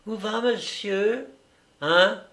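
A man's voice: very slow, pushed and bright, heavily acted. Man voicing a stubborn young maid. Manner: high, insistent refusals.

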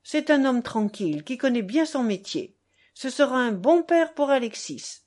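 A woman reading the part of a stern old grandfather who gives solemn, forceful orders. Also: high voice, animated, moderate pace. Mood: solemn commanding. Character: stern old grandfather, commanding then pleading.

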